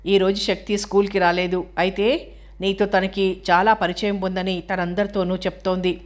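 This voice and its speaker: A woman's voice: mid-range voice, level tone, normal speed, close to an everyday voice. A woman voicing a playful, teasing teenage boy in an audiobook reading of a novel.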